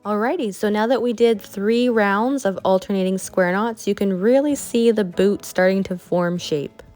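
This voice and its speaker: A woman's voice: mid-range voice, moderate pace, a little mellow, soft background music. A woman with a Canadian accent, explaining a craft project step by step in a friendly, chatty way. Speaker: craft instructor. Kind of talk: tutorial voice-over.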